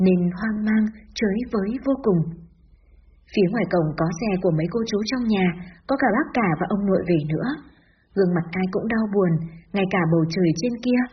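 A woman telling a sad first-person story in a steady, sorrowful manner. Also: mid-range voice. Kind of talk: scripted story narration. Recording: dull lo-fi with faint hiss.

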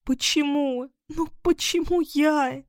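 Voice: medium pitch, fairly even intonation, measured pace, darkish tone, no room sound, studio quality, lightly acted. A reader doing Katarina, a tormented young queen. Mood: sobbing. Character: distraught young queen, tearful and commanding. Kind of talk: audiobook character reading.

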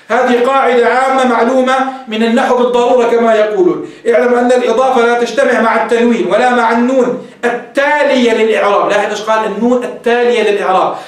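A man teaching a grammar lesson, reading from a text and explaining it step by step in a mix of formal and colloquial speech. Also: very high-pitched. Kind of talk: recorded lecture. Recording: echoey room, distant mic.

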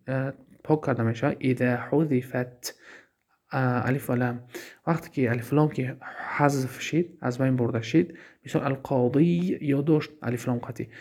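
A man with a Tajik accent teaching an Arabic grammar lesson, asking himself questions and repeating key terms slowly. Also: medium pitch, vocal fry, darkish tone, slightly rough.

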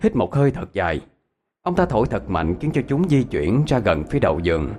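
Expressive male ghost story narrator. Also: lowish voice, brisk.

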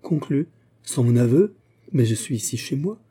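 A man's voice: mid-range voice, animated, normal speed, dark tone, breathy edge, voice pushed up. A man voicing a grieving young orphan woman who speaks faintly but with solemn defiance. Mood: defiant.

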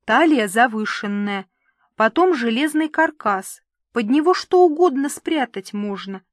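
A woman's voice: fairly high pitch, takes it slowly, no room sound, clean studio sound. A woman reading aloud, voicing a vain, melodramatic aging male actor who pleads and coos. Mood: coaxing. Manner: melodramatic, wheedling.

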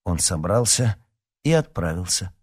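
Male audiobook narrator, low voice, very lively pitch, dramatic. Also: measured pace, breathy edge. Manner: animated, dramatic reading. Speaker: audiobook reader.

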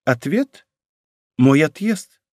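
A man's voice: on the high side, expressive, slow, a little mellow, dry recording, studio quality. A man voicing a proud young princess in an audiobook, pleading and slightly mocking. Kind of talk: audiobook character reading.

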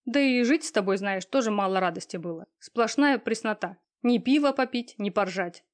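A woman's voice: mid-range voice, animated, normal speed, lightly acted. A woman voicing a smug, cold, lazy young man in an audiobook, talking in an offhand, sneering way with coarse slang. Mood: scornful. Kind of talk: audiobook reading.

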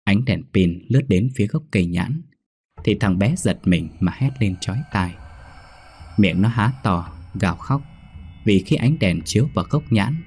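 A man reading a scripted horror story in a steady, measured way. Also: deep voice, husky.

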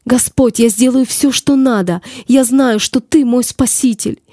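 A woman's voice: on the high side, unhurried, dark tone, no echo, studio quality. A woman reading the lines of a damned woman's soul, who pleads in anguish and torment. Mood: pleading. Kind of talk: audiobook reading.

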